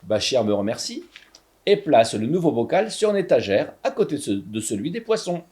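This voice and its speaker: A man narrating a story in an animated, theatrical reading. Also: medium pitch, normal speed.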